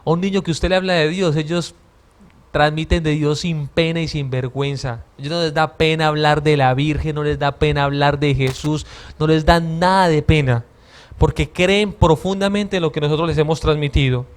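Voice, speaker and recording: High-voiced earnest Colombian man preaching. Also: fairly even intonation, normal speed, clean tone. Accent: Colombian Caribbean. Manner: earnest, repeats words and stumbles often. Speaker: lay preacher.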